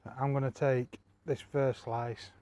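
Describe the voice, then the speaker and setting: A man's voice: mid-range voice, measured pace. A man hosting a barbecue cooking vlog, talking casually and chatting straight to his viewers. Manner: relaxed, chatty, addresses viewers directly. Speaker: barbecue channel host.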